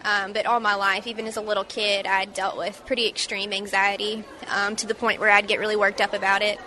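A woman in her twenties from Mississippi recounting a personal story in an interview, halting and reflective with many fillers. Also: mid-range voice, flat delivery, noisy background. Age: 20s. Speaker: interview guest.

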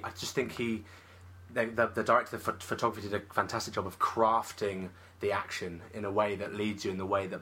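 A man's voice: lowish voice, bright, forceful tone, breathy edge. A man co-hosting a film podcast, talking eagerly and thinking aloud in casual chat. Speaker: podcast co-host, film reviewer.

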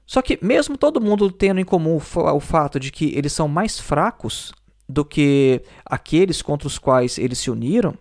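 High-voiced man explaining theory. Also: very animated, moderate pace, a little mellow. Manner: thinks aloud, many fillers and tag questions. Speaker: teacher. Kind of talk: explaining philosophy in a lecture.

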